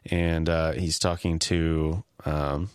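Man, very low voice, dry close sound, casual podcast co-host, halting recap. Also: level tone, clear, resonant tone, dry recording. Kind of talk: casual discussion, recapping a TV episode.

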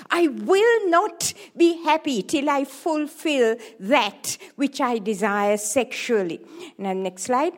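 Playful asides to the audience and a joking, lively manner mark this seminar talk by a sex therapist. She is a Sri Lankan woman in her seventies with a high voice, addressing a live crowd in a hall.

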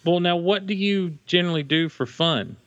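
A man's voice: high voice, normal speed, no room sound, dull audio. Playful man hosting a podcast. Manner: playful, teasing questions. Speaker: podcast host. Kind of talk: casual podcast interview.

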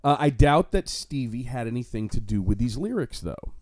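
A man co-hosting a casual podcast, talking in animated bursts with stammering restarts and sarcastic jokes. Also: medium pitch, moderate pace, dry recording, clean studio sound. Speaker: podcast co-host. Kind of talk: casual chat.

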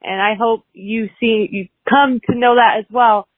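Play a young woman calling in over a thin phone line, earnest and a little rambling, keep the pitch level. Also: fairly even intonation, normal speed, no room sound. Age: early 20s. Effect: over a phone line, voicemail. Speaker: caller leaving a voicemail. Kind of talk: heartfelt voicemail message. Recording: tinny phone voicemail.

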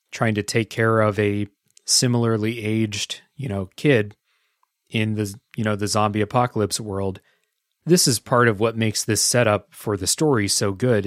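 A man's voice: on the low side, no room sound, clean studio sound. A man hosting a podcast, chatting casually about a video game in a reflective, matter-of-fact way.

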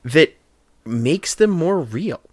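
A man's voice: fairly high pitch, very animated, slow, slightly rough, no echo. A man co-hosting a podcast, chatting casually and enthusiastically, analytical and prone to restarts. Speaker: podcast co-host. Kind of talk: casual chat reviewing a cartoon.

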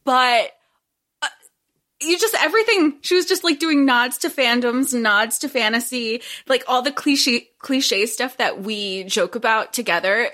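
Bright-voiced woman in an echoey room. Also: a little high. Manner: enthusiastic, laughs often, quick asides. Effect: echoey room sound. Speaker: podcast co-host. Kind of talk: casual chat. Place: temporary room while traveling, sounds echoey.

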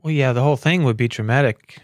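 Calm co-host, mid pitch, dry close mic. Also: fast, no echo. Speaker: podcast co-host. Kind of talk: casual chat.

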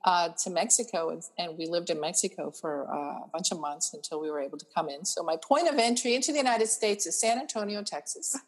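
This older woman, a Cuban-born retired grandmother and guest author, chats casually about her family history, often using fillers. Her pitch sits fairly low, her intonation is lively, and she talks fast with few pauses.

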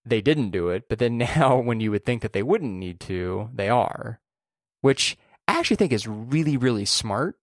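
A podcast co-host chats casually about tech news, often restarting his phrases. His mid-range voice has lively intonation and a moderate pace, captured in a dry, clean studio recording.

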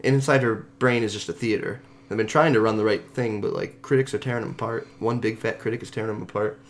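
A man in relaxed casual chat, laughing easily and swearing offhandedly. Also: fairly low pitch, fast talker.

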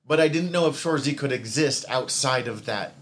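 A man's voice: mid-range voice, brisk. A man co-hosting a podcast in casual chat, rambling and swearing freely. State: hiccups from eating. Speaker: podcast co-host.

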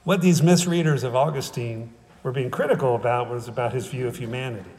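A man's voice: medium pitch, brisk, a little mellow. A male preacher delivers a sermon in an easy, conversational way and keeps checking in with his listeners. His humor is dry and wry. His voice sits in a middle register, and a long reverb trails off each phrase, as in a large hall. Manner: conversational, often adds "right?" and "okay?".

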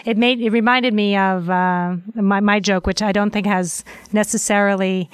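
A woman in casual conversation who tells a joke in a quick, chatty, self-deprecating way. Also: medium pitch, fairly even intonation, smooth, no echo.

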